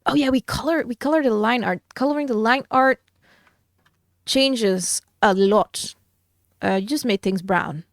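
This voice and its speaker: A woman's voice: a little high, no echo, clean studio sound. A woman streamer chatting casually and giggling while she draws on stream. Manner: slow, musing, giggly.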